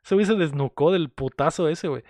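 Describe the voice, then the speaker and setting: A man's voice: on the high side, quick pace, darkish tone, dry recording. A man with a Mexican accent chatting casually about a movie, full of slang and swearing. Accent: Mexican Spanish. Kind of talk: casual chat.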